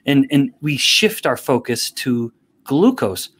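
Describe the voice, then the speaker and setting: Guy on a podcast explaining stuff slowly and carefully, middle pitch. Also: big pitch swings, a bit bright. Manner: measured, explanatory. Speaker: guest expert. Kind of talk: podcast interview.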